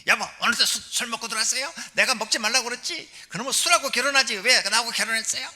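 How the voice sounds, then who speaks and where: A man voicing a nagging middle-aged wife who scolds her husband, in a shrill, high voice. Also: fast talker, pushed and bright, heavily acted. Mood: scolding. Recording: reverberant church hall.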